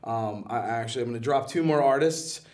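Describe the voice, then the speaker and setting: Here a comic book and animation producer is the interview guest, joking around in slangy, excited, easygoing speech. He talks fast in a mid-range voice with a darkish tone, picked up from somewhat far off the mic.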